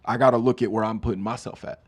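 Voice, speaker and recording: A man's voice: on the low side, fast talker. A man hosting a solo podcast, riffing comedically on song lyrics in casual chat and acting out quoted lines. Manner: animated, riffing, mock-voices quoted lines. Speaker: podcast host.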